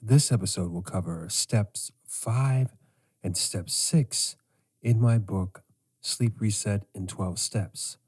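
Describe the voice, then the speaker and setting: Man, podcast host, middle-aged, slow measured delivery, low pitch, mellow tone. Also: slightly rough. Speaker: podcast host and sleep coach. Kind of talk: scripted podcast monologue.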